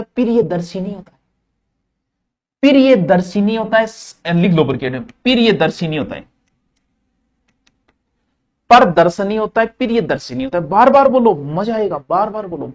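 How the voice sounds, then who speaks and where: A man teaches a Hindi grammar class. He drills each word over and over, folksy and animated, with sudden loud stresses. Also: high-pitched. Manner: drilling, repeats words many times.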